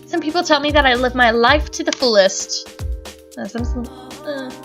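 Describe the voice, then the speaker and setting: Narrating a visual novel as a let's play host, a young woman reads the game's text with drama and drops sarcastic quips along the way. She has a high, somewhat bright voice at normal speed, with faint music playing behind her.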